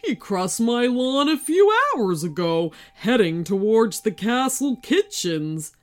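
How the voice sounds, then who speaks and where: Woman voicing a slow, suspicious little gardener man. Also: on the high side, sing-song, darkish tone. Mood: wary. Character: small old male castle gardener, suspicious.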